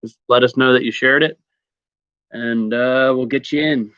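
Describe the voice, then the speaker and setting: A man's voice: mid-range voice, fairly even intonation, moderate pace, clear, resonant tone, no room sound, highs cut off. A man hosting a casual live stream chat, easygoing and joking, with lots of fillers.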